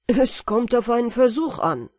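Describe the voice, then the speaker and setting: A bold, cheeky young fisherman from a storybook, voiced by a woman reading aloud. He speaks eagerly and a little loudly in a breathy voice. His pitch bounces in a lively way. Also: moderate pace, no room sound, clean studio sound.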